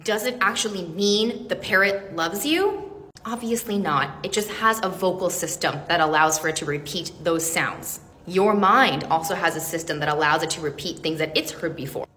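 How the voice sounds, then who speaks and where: A woman's voice: fairly low pitch, moderate pace, pushed and bright. A woman giving an earnest, emphatic motivational talk in a casual way, now and then swearing for emphasis. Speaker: self-help speaker. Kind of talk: motivational monologue to camera. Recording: long reverb, faint background hiss.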